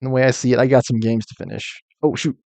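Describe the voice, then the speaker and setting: A man's voice: medium pitch, fairly even intonation, fast talker, gravelly, a little mellow, dry recording. A man streaming a game, chatting casually and thinking aloud between bits of reading. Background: music.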